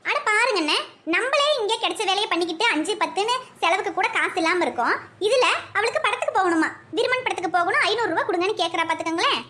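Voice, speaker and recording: Woman voicing a young cartoon husband, hot-tempered, indignant grumbler, Kanyakumari Tamil accent, high bright voice. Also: expressive, fast, slight background noise, exaggerated voice. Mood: grumbling.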